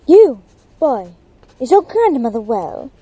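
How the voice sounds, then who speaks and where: A woman acts out an airy, theatrical professor of divination for an audio play. Her voice sits high and soft-toned and swings widely in pitch as she dramatically draws out her prophecies of doom. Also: very animated, slight background noise, heavily acted. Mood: ominous, airy. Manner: dramatic, portentous, drawn-out delivery.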